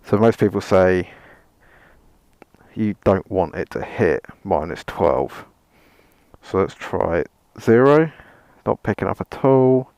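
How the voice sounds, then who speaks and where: A man's voice: deep voice, animated, takes it slowly, darkish tone, no room sound. A man presenting a casual vlog gear test in a rambling, self-deprecating way, with dry sarcasm and some mild swearing. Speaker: motovlogger, presenter.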